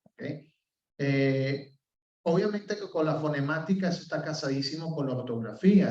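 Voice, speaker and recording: A man with a Venezuelan accent teaching an open class, explaining step by step, filling pauses with "eh" and checking in with "¿ok?". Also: a little high, a little mellow. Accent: Venezuelan Spanish. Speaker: professor. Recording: roomy, distant, dull sound.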